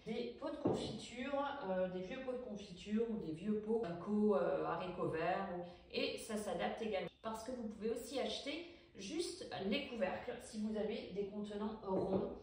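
A middle-aged woman giving a casual, chatty product demonstration in her home kitchen, pausing often with fillers. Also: mid-range voice, a little mellow. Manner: chatty, hesitant with frequent fillers. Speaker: cooking vlogger demonstrating a product.

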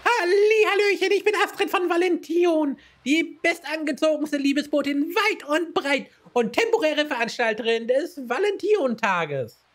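A man's voice: extremely high pitch, lively intonation, normal speed, few pauses, voice pushed up. A man voicing a vain, cheerful female love messenger in a bubbly, sing-song voice.

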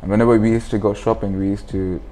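A UAE man in his twenties, founder of a clothing brand, chats casually as an interview guest in a furnished indoor lounge, explaining things into a lapel mic. His voice is lowish and warm, with little pitch movement, and he talks fast. The audio is poor, with faint music behind him.

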